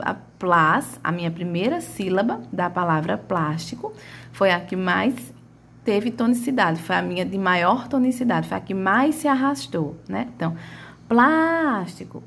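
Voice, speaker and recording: A woman's voice: medium pitch, animated, normal speed, creaky, a bit bright, slight background noise. A woman teaching a grammar lesson, stretching out and calling out example words as she explains.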